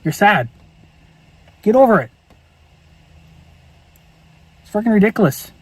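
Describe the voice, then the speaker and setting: Angry guy ranting on his vlog, lots of cussing, kinda high voice. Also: very animated, fairly quick, slightly rough, no echo, low-quality recording. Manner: angry, profane, repetitive ranting. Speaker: vlogger. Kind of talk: ranting monologue to camera.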